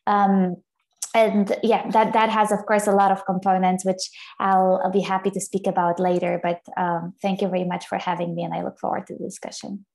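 A woman's voice: medium pitch, level tone, brisk, creaky, darkish tone. A woman program director of a peace organization introducing her work on a panel, organized but with frequent fillers.

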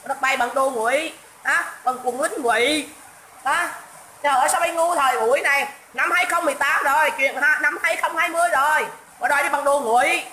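High bright mocking woman ranting. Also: brisk, roomy sound, a little hiss or hum, rough recording. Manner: mocking, scolding, insulting, repeats herself. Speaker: livestream host. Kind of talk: political rant livestream.

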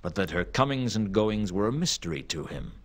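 An actor playing a hardboiled, dry and wry private detective in a noir video game. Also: male voice, lowish voice, sing-song, brisk. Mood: wry narration. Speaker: game character, detective and narrator.

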